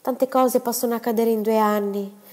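A woman's voice: a little high, steady tone, moderate pace, darkish tone, pitched above the performer's own voice, natural voice. Coy scheming wife, knowing and teasing; a woman reader plays her, in a reverberant hall. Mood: sly. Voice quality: sly, knowing, lightly teasing. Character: coy scheming middle-aged stepmother, wife.

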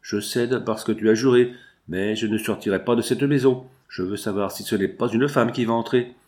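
A man's voice: on the low side, normal speed, a little mellow, natural voice. A man voicing a desperate, jealous young woman who pleads with her lover in an audiobook. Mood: defiant. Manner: pleading, passionate.

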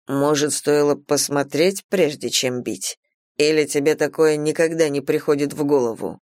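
A woman voicing an arrogant male god in an audiobook, speaking slowly and low with a mocking, teasing edge. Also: a little mellow, no echo, studio quality, close to an everyday voice. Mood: stern. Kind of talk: audiobook character voice.

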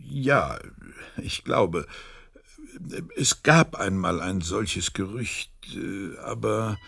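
Husky low-voiced flustered gentleman doctor, Doctor Watson. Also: animated, drawn-out words, exaggerated voice. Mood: hesitant. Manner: hesitant, stammering, questioning. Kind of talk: German radio drama acting.

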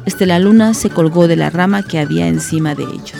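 A woman, a community radio host reading a children's story and explaining it in a gentle, teacherly way. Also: fairly low pitch, fast, creaky, music in the background. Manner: gentle, teacherly, many fillers.

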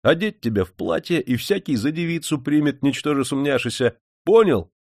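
A man voicing a bold, jovial young guardsman lieutenant, talking loudly and heartily. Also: mid-range voice, sing-song, normal speed, dry recording, studio quality, voice pushed up. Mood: hearty. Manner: loud, hearty, commanding.

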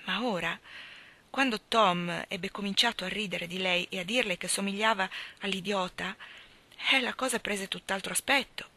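Bright-voiced woman reading a novel aloud. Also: mid-range voice, slight background noise. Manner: measured, expressive narration. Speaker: audiobook reader. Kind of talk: literary reading.

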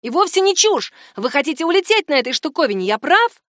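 A woman reading an audiobook, voicing a brash, scheming teenage boy who taunts and threatens in loud outbursts. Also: fairly high pitch, lively intonation, moderate pace, dry recording, clean studio sound. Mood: excited, accusing.

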